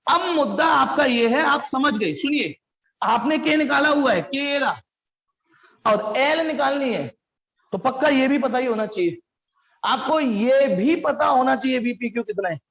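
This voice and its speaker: A man's voice: extremely high pitch, measured pace, vocal fry, fairly bright tone. A man teaching a physics class, repeating key phrases and coaxing his students, whom he calls "beta". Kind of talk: classroom lecture at a whiteboard. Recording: echoey classroom with long reverb.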